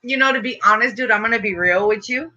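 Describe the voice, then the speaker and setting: Bright-voiced young stoner woman, slangy and sweary. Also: on the high side, fast. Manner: slangy, profane stoner talk. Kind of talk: casual chat. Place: small dim bedroom indoors. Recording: dull lo-fi room recording.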